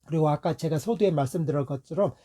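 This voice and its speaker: A middle-aged Korean man teaching English pronunciation calmly, saying each word two ways to contrast them. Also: a little high, fast talker. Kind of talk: explanatory lesson.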